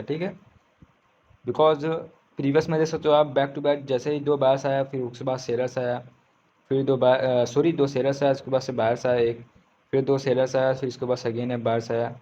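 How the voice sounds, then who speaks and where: A man's voice: mid-range voice, little pitch movement, dark tone, lo-fi sound, a little hiss or hum. A man giving an informal, casual screen-share tutorial on trading, repeating himself and often correcting his words mid-sentence. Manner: says he is speaking slowly on purpose today.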